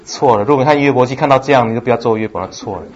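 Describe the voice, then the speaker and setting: A man preaching a sermon, telling the story with lively acted-out lines and frequent laughter. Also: mid-range voice, very fast. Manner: lively storytelling, acts out dialogue, laughs often. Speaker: pastor. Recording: slightly dull with faint background noise.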